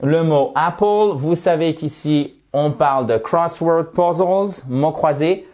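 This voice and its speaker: A man who speaks natively, teaching an English lesson online, lively and talking straight to his viewers, checking in with them often. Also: fairly high pitch, slow pace.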